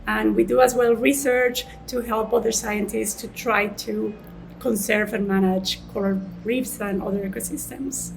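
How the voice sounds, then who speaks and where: A woman scientist from Colombia, answering interview questions at an unhurried pace and restarting phrases as she goes. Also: a little high, steady tone, gravelly, faint music behind, rough recording. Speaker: senior marine scientist.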